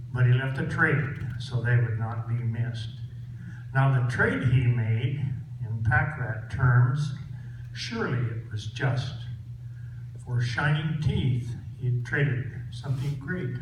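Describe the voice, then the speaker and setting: Folksy male tall-tale poet, cowboy twang, leisurely pace, far-off mic in a very echoey room. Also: mid-range voice. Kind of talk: live cowboy poetry recitation. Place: echoey room, live event. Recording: echoey hall from far off, loud noise.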